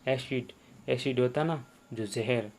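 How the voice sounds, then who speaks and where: A man's voice: mid-range voice, slow, a little mellow, slight background noise. A man teaching the sounds of English letters, repeating each sound and quizzing the viewer. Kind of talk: spoken language lesson.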